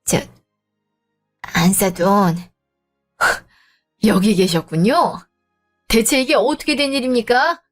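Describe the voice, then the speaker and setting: A woman's voice: a little high, slow pace, pauses often, soft background music. Woman playing a polite apologetic mother-in-law. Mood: flustered. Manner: formal, apologetic.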